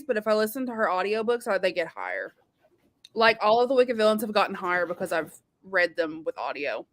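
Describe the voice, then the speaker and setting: A woman's voice: medium pitch, pushed and bright. A woman hosting a casual book discussion, chatty and laughing, talking while eating. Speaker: booktube host. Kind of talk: casual chat.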